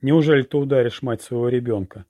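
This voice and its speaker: A man's voice: mid-range voice, fast talker, mellow, no room sound, dull audio, voice pushed up, lightly acted. A man voicing a seductive, mocking female witch in an audiobook reading. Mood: teasing. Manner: teasing, languid.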